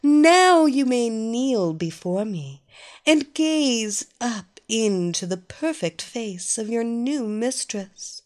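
A woman voicing a domineering, mocking female villain who gives orders in a slow, coaxing way. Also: fairly high pitch, expressive, a little mellow, pitched above the performer's own voice. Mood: commanding. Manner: slow, coaxing, commanding delivery. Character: commanding, domineering woman villain, mocking and sure of her power. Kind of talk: audio story reading.

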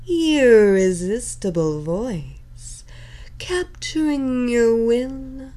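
A woman voicing a commanding, possessive female hypnotist, with a sultry, hypnotic voice and slow, drawn-out repeated commands. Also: medium pitch, darkish tone. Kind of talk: hypnosis story reading.

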